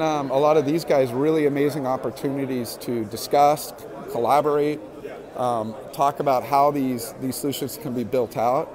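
Filming on a handheld phone, a man walks through an indoor convention expo floor in a casual walk-and-talk, relaxed and enthusing with plenty of fillers. His voice is medium in pitch, and crowd chatter from the busy hall fills the recording.

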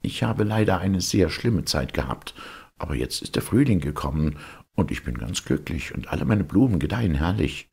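A man's voice: deep voice, animated, normal speed, vocal fry, a little mellow, husky, exaggerated voice. A man voicing a humble, naive young gardener who talks in an eager, grateful way, in a storybook reading.

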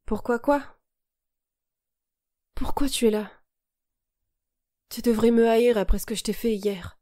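A remorseful young man speaks haltingly, his voice strained and unsure, read by a woman. The tone is soft and mellow rather than bright. The audiobook is recorded dry and close, with no room sound. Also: a little high, no room sound, pitched above the performer's own voice, natural voice. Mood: distraught. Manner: hesitant, strained.

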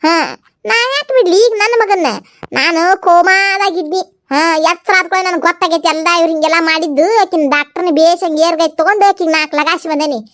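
A woman voicing a fierce, rough-spoken village mother in a comedy skit, with a North Karnataka Kannada accent. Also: extremely high pitch, fast talker, fairly bright tone, no echo, clean studio sound. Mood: scolding. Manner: gruff, accusing, rough-spoken.

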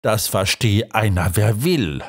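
A man's voice: lowish voice, animated, full character voice. A man doing a blustering police inspector. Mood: grumbling. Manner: gruff, quick to anger.

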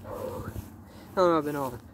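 A man's voice: on the high side, slow pace. A young man casually talking to the camera while shooting baskets on a windy backyard court, exclaiming now and then at his shots. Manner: chatty, exclaims at missed shots. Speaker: vlogger. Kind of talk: casual self-filmed commentary. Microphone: phone camera set at a distance. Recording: outdoor phone recording with wind noise. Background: wind.

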